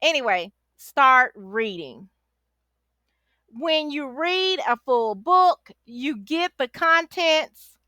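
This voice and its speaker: Speaking to camera in a laid-back Bible study, this woman sounds like a chatty life coach, her high voice forceful and expressive as she draws words out. She pushes her audience along by repeating phrases, staying sassy and familiar and calling them "baby" and "honey." The recording is close and dry.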